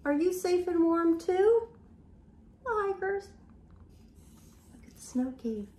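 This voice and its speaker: In an echoey room at home, an older woman with a very high-pitched voice slowly reads a picture book to young children while a camera records. Gasps and whispers make her storytelling animated.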